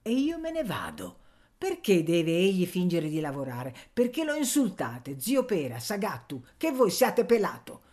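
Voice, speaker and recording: A woman's voice: fairly low pitch, wildly swooping pitch, measured pace, darkish tone, voice pushed up. A woman reading as an indignant poor village woman, protesting sharply. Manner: defiant, protesting.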